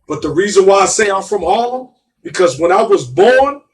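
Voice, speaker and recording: A man's voice: high-pitched, animated, normal speed, distant mic. A middle-aged man with a New York accent, telling stories in casual, emphatic street talk and repeating himself. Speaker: guest.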